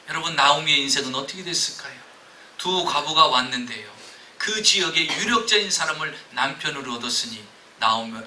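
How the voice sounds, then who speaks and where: A man's voice: fairly high pitch, bright, forceful tone, roomy sound, far from the mic, a little hiss or hum, poor audio. A man preaching a sermon as pastor, telling stories and joking with his congregation. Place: church sanctuary.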